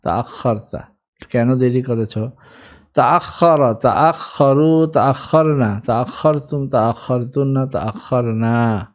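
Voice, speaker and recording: A man's voice: medium pitch, takes it slowly. A man teaching an Arabic grammar lesson, patiently drilling verb forms one by one.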